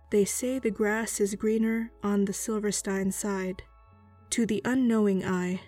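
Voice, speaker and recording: A woman's voice: medium pitch, dark tone. A woman playing a sultry, sinister horror hostess with a teasing, theatrical purr, introducing a scripted podcast tale.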